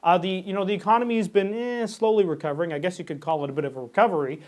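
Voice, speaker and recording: High-voiced young male news host. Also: rapid-fire, darkish tone. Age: young adult. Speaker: news show host and political commentator. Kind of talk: broadcast news hosting and commentary.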